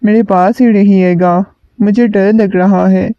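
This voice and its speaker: A man reading the lines of a shy, feverish young wife in a soft, pleading tone, on a dull lo-fi recording. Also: sits high, steady tone, smooth, no echo.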